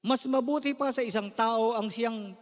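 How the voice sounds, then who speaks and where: A man's voice: very high voice, normal speed, in a large hall. A man preaching a sermon as pastor, earnest and emotional, often calling out to the congregation. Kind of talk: sermon with personal testimony.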